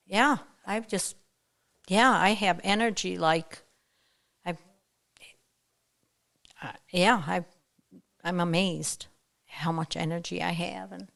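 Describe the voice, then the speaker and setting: An older woman as a podcast guest, talking casually in a halting way, often trailing off and restarting. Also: on the low side, fairly even intonation, vocal fry, fairly bright tone. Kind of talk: casual interview chat.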